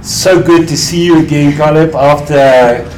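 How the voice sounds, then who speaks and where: A man's voice: a little high, fairly even intonation, a little mellow. A middle-aged man from South Africa, a missionary guest explaining scripture earnestly in a podcast interview. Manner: earnest, quotes scripture, quick bursts. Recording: roomy, distant mic with faint noise.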